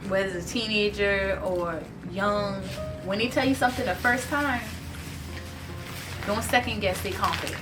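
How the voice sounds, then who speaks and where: A woman's voice: medium pitch, steady tone, normal speed, recorded from a distance, music in the background, low-quality recording. A woman, chatting casually and emphatically, repeating phrases for stress. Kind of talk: casual conversation.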